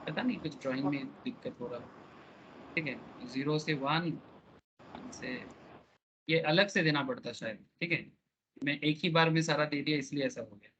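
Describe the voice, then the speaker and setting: Man, online class teacher, high pitch, bright tone, explains with analogies. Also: moderate pace, long pauses, lo-fi sound, slight background noise. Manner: explains with everyday analogies, checks in with students.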